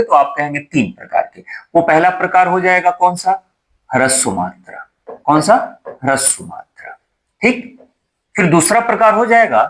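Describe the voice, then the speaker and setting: A man's voice: sits high, fairly bright tone. A young man teaching a Hindi exam-prep lesson at a board, repeating key terms and checking with rhetorical questions.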